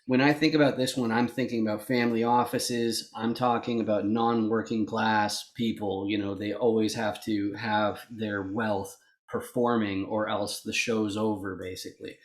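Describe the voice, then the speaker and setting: A man hosting a casual interview over a video call, explaining at length with plenty of fillers. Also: medium pitch. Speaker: podcast host interviewing investors.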